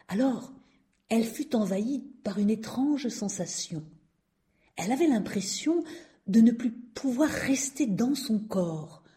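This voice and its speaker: A woman telling a fairy tale aloud in a gentle, unhurried storybook reading. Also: lowish voice.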